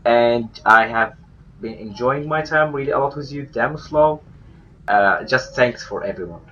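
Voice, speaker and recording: A man co-commentating a game stream, speaking loosely with many fillers and quick agreements. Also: mid-range voice, pushed and bright, lo-fi sound. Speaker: co-commentator and team coach.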